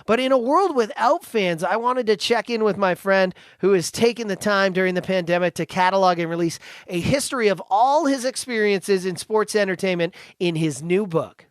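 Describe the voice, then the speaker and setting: High-voiced male podcast host, dry sound. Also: moderate pace, few pauses, smooth, no echo. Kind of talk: scripted intro and interview questions.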